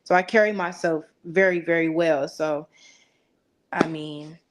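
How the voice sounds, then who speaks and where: A woman's voice: low-pitched, steady tone, measured pace, noisy background. Young woman chatting casually as panel guest. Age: 20s.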